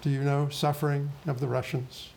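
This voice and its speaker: A man preaching a sermon in a solemn, deliberate way, with grave pauses. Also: medium pitch, flat delivery, gravelly, darkish tone, a little hiss or hum.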